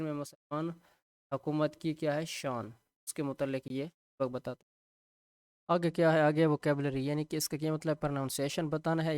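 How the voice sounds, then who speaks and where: A man with a Pakistani accent explaining an English textbook exercise, reading English lines and glossing them slowly with many fillers. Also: fairly high pitch, darkish tone, smooth, no room sound, clean studio sound. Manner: mixes English with Urdu explanation, spells out words. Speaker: English teacher.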